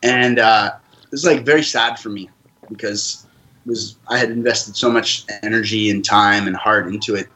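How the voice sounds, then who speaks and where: Bright-voiced man telling his story. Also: lowish voice, steady tone, normal speed, poor audio. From Canada. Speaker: podcast guest. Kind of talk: casual interview storytelling.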